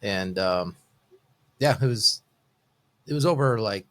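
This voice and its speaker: A man's voice: on the low side, expressive, slow, a bit bright. A middle-aged man co-hosting a podcast, laid-back and joking. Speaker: podcast co-host. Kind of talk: casual business podcast chat.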